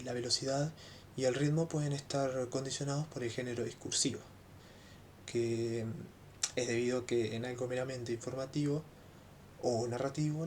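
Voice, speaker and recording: A young man talks through a book chapter in an easygoing, explanatory way. His voice sits at an ordinary middle pitch, and he pauses often to gather his thoughts with small fillers. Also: a little hiss or hum. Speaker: teacher-training student and YouTuber.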